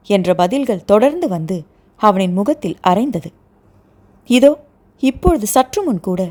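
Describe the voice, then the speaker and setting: Dramatic woman narrator for an audio novel, lively varied pitch. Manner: dramatic, expressive. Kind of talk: scripted storybook narration.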